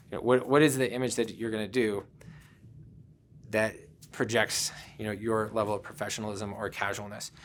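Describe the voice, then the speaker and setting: A man's voice: fairly low pitch, a bit bright, a little hiss or hum. A man giving a virtual conference presentation, talking in a conversational way and telling personal stories, often with "um" and "you know.". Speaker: conference speaker.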